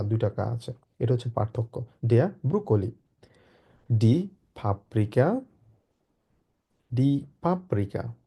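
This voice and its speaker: Dark-voiced man teaching German words. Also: medium pitch. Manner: patient, spells words out and drills repetition. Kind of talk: online class, teaching pronunciation.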